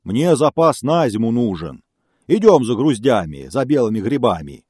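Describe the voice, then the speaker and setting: A man doing a booming clumsy greedy bear. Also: very animated, moderate pace, a little mellow, husky, dry recording, studio quality. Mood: gruff. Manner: bossy, blustering.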